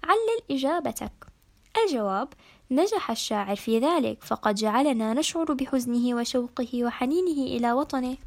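A high-pitched woman reads through a poetry lesson, giving each question and its answer in turn. When she scans the verse she slows down and sounds out each beat with care. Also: lively intonation. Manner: slow, careful syllable-by-syllable scansion. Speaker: teacher.

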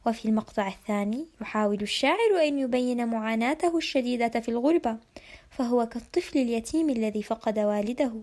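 A high-pitched woman reads through a poetry lesson, giving each question and its answer in turn. When she scans the verse she slows down and sounds out each beat with care. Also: a little mellow. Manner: slow, careful syllable-by-syllable scansion. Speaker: teacher.

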